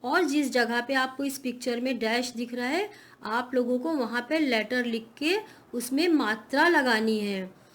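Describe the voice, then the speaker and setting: A woman teacher speaks to young children at an unhurried, deliberate pace. Her voice sits a little high, and she stretches each letter sound so it is easy to follow. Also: fairly bright tone. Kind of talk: online class instruction.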